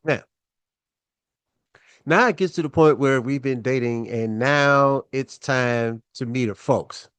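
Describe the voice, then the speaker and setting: Man, show host, casual storytelling, laid-back, unhurried, dry recording. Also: mid-range voice, fairly bright tone, clear, resonant tone, no room sound. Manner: laid-back, chatty, frequent fillers.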